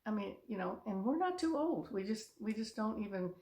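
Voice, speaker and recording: A woman's voice: mid-range voice, lively intonation, fairly quick, a little mellow, roomy sound. A woman in her seventies giving casual, earnest encouragement to camera in a rambling, heartfelt way. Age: 70s. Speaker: vlogger. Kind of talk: casual motivational talk to camera.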